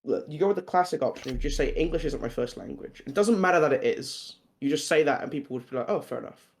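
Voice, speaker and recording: Animated and fast-talking, a man with a slightly high voice handles play-by-play for a tactical shooter esports broadcast, where the game audio is noisy. He keeps up chatty, self-deprecating banter with his co-caster between plays.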